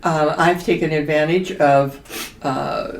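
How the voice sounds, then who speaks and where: A woman's voice: low voice, fairly even intonation, a little slow, gravelly. Older woman, casual interviewer, echoey room, somewhat distant from the mic. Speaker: podcast co-host, senior community resident. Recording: roomy echo, distant from mic.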